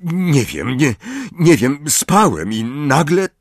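A man's voice: fairly high pitch, sing-song, slow pace, no room sound, studio quality, pitched above the performer's own voice, heavily acted. A man reading an audiobook, voicing a teenage boy wizard who talks breathless and insistent in his distress. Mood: urgent.

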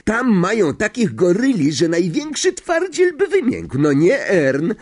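A man voicing a loud, excitable young bus conductor who gossips in slang for an audiobook. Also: sits high, measured pace, pitched above the performer's own voice, heavily acted. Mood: boisterous gossip. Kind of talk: audiobook character voice.

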